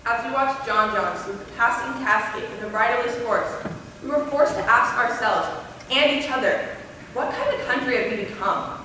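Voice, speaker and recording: A young woman playing an earnest female high school student, giving a measured, heartfelt stage speech. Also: bright, forceful tone, slight background noise. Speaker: student actor. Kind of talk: stage play speech to a class. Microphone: distant room mic. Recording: echoey hall from far off.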